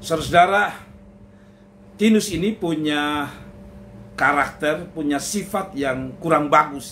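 High-voiced pastor telling a funny story. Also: male voice, creaky, bright, forceful tone, a little hiss or hum. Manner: addresses listeners as "saudara", with drawn-out hesitations. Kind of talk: humorous sermon storytelling.

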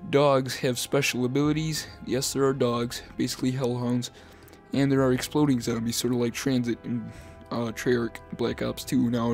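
A man talks through a video game in a loose, rambling way, full of ums and uhs and repeated phrases. His pitch stays flat and even throughout. Soft background music runs faintly under his voice. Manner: rambling, repeats himself, many fillers; says he is talking fast to keep it short. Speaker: gaming YouTuber. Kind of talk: casual gaming commentary.

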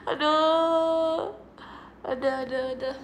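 A woman's voice: extremely high pitch, a little slow, bright, forceful tone, roomy sound. A young woman with an Indonesian accent hosting an idol livestream, chatting casually, giggly and singsong, often laughing.

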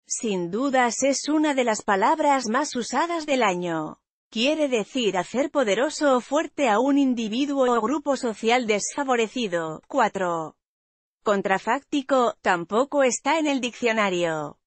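A woman reading a news article aloud in an even, measured way, as a news voice-over. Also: on the high side, dry recording. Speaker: news reader.

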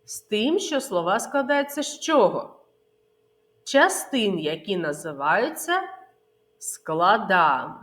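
A woman kindergarten teacher leading a literacy lesson for small children, sounding out words syllable by syllable in a slow sing-song. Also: medium pitch, big pitch swings, fairly bright tone. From Ukraine.

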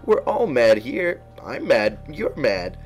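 Sly mad grinning storybook cat, pitched up, really draws words out, music behind. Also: male voice, very animated. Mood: sly, teasing. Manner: slow, drawn-out, swooping delivery. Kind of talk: storybook character voice.

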